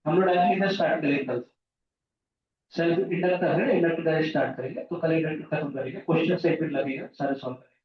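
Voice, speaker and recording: A man's voice: on the high side, fast. Guy teacher rambling to his class, echo everywhere, kinda muffled dull sound. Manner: chatty, jumps between lesson and anecdotes. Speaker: physics teacher. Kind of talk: informal classroom talk. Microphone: far from the mic. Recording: echoey room, distant mic, dull sound.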